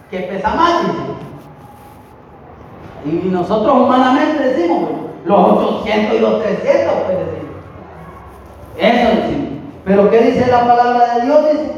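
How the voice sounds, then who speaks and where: Slow, high-voiced preacher in an echoey hall. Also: male voice, a little mellow, slight background noise. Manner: slow, halting, often repeating "hermano". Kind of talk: sermon. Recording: distant, echoey hall, muffled.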